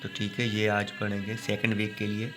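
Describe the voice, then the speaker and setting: A man teaching a grammar lesson. He explains each rule step by step, often stops to check with "okay", and reads out example sentences slowly. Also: fairly low pitch, monotone. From Pakistan.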